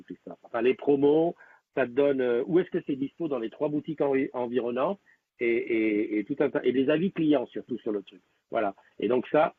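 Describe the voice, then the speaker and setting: Male live-stream host, husky, casual rambling delivery, phone-quality audio. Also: medium pitch. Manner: rambling, with many fillers and restarts. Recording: tinny, lo-fi phone-like sound.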